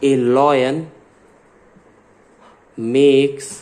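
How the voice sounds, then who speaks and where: Slow Indian man dictating science notes. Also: mid-range voice, level tone, a little mellow. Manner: slow dictation, spells out words letter by letter, mixes Hindi and English. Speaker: science teacher.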